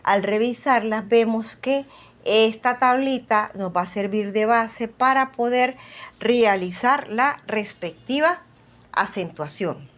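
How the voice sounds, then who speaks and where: A woman's voice: fairly high pitch, takes it slowly. A woman teacher giving a recorded lecture, explaining step by step in a patient way and often checking in with the listeners.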